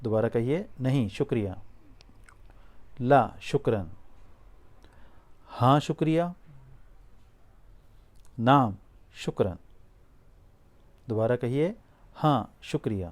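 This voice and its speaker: Man, language teacher, slow repeated drill phrases, encouraging prompts, mid pitch. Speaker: Arabic teacher. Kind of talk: spoken language drill lesson.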